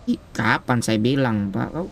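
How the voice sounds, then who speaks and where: A man's voice: medium pitch, animated, measured pace, slight background noise. A young man in casual gaming banter, teasing in a mock-formal way. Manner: mock-formal, keeps calling his friend "Pak". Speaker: mobile game player.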